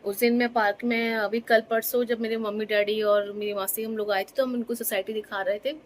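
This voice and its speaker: A woman's voice: on the high side, level tone, a little fast. A young woman chatting casually at home into her phone's front camera, teasing playfully about her toddler. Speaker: vlogger. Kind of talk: casual home vlog narration. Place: home bedroom.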